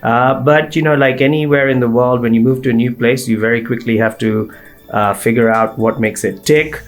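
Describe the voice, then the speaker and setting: A man's voice: medium pitch, fairly even intonation, moderate pace. A man in his forties from Kenya speaks as a podcast guest. His voice sits in the middle range, and he tells his story fluently and evenly. Faint music plays in the background. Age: 40s. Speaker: guest, recruitment firm partner. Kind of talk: interview.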